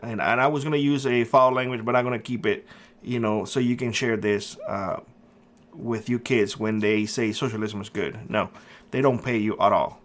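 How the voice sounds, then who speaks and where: In a steady, medium-pitched voice at a moderate pace, a middle-aged Cuban man runs a prepper channel. His casual opinion monologue to camera is earnest and emphatic, with lots of fillers.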